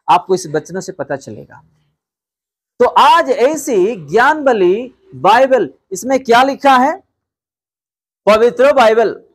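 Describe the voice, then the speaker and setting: A man preaching a sermon as pastor, asking the congregation rhetorical questions and telling stories. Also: very high-pitched. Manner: rhetorical questions, repeated calls of hallelujah; storytelling, addressing the congregation directly.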